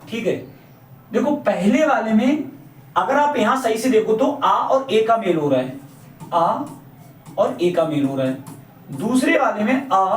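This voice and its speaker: A man teaching a Hindi grammar lesson. He repeats his points and asks the class questions, then answers them himself. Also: sits high. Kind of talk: classroom lecture. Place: classroom or coaching room. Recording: echoey room, mic at a distance.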